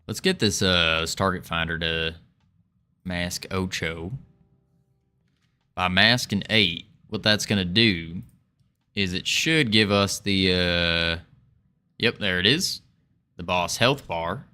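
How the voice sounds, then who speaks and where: A man's voice: sits low, slow pace, long pauses, clear, resonant tone. A man streaming his game development, chatting casually with viewers and thinking aloud as he works. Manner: relaxed, chatty, greets viewers, muses while working.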